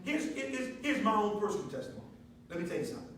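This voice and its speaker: A man pitching a product to a live audience in an emphatic, preacher-like way, asking the crowd questions. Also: big pitch swings, very fast. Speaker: speaker presenting a product to an audience. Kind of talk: preacher-like sales talk with call and response. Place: meeting room with a live audience. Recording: echoey noisy room from far off.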